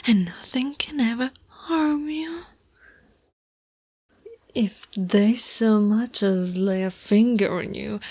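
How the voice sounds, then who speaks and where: Tender yet menacing, an Italian woman gives a full character voice as an obsessive goth girlfriend in ASMR roleplay, soft, cooing and possessive with frequent whispers. Her husky voice sits on the high side.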